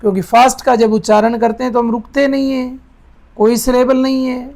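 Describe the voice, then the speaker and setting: A man's voice: very high-pitched, flat delivery, gravelly, a little mellow. A man teaching an English grammar class, explaining step by step, calling his students "beta" and often checking whether they understood. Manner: explains step by step, slowly repeating sentences word by word; calls students "beta", asks checking questions.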